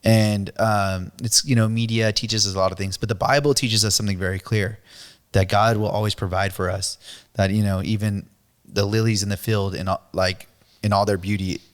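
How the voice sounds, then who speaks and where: Man, middle-aged, low voice, halting, repeats words, casual faith chat. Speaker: podcast co-host.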